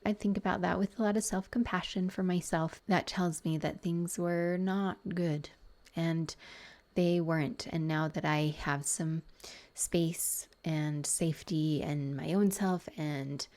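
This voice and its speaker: A woman coach hosting a podcast, talking earnestly and thinking aloud, with restarts and soft whispered asides. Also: lowish voice, fairly even intonation, measured pace. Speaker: podcast host and betrayal trauma coach. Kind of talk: personal reflective podcast talk.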